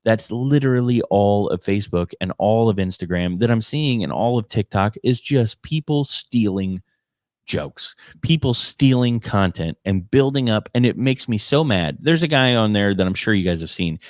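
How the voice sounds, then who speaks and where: Frustrated guy comic on a casual rant, lowish voice, really emphatic, dry close sound. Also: lively intonation, normal speed, no room sound. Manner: exasperated, emphatic, repeats himself. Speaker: comedian.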